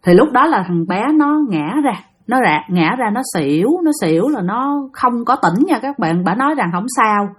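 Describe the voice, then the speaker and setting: A woman's voice: medium pitch, lively intonation, moderate pace, few pauses, husky. A woman with a Southern Vietnamese accent telling a ghost story, chatting directly to her listeners. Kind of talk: spoken ghost-story narration.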